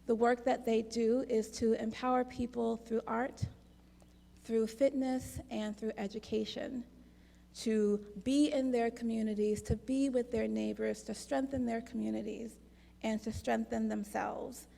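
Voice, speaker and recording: A woman leading a worship service, addressing her congregation in a measured, deliberate way with dry asides. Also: a little high, level tone, vocal fry, mellow. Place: congregation's sanctuary. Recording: long reverb of a large hall.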